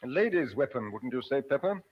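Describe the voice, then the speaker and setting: Animated, authoritative police inspector, acted by a man. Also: medium pitch, a little fast, a little hiss or hum, lightly acted. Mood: brisk, grave. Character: brisk, authoritative male Scotland Yard police inspector. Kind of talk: 1950s radio drama acting. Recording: dull old-time radio recording.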